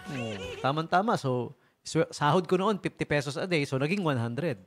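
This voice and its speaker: A man's voice: a little high, animated, normal speed, loud music behind the voice. A man from the Philippines working as a radio DJ, telling jokes in a chatty way and laughing at his own punchlines. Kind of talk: joking radio talk. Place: radio studio.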